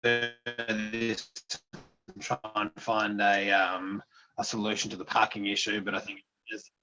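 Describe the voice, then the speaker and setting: A man, an alderman speaking in a council meeting over a video call whose audio keeps breaking up as his internet drops out. He talks haltingly, with restarts. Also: lowish voice, level tone, bright, forceful tone, faint music behind, poor audio. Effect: choppy internet call audio breaking up.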